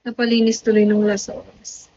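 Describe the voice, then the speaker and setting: A woman's voice: medium pitch, monotone, moderate pace, dark tone, slight background noise. A young woman hosting a casual livestream, chatting with and greeting viewers, slipping in English phrases, on a phone mic. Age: young adult. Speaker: livestream host. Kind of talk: casual live-stream chat. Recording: dull lo-fi livestream audio.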